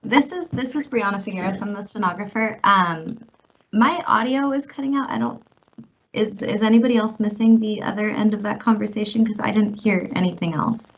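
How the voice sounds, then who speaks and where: A woman's voice: mid-range voice, moderate pace, highs cut off. A woman working as a stenographer speaks apologetically over a remote call, and her volume rises and drops unevenly.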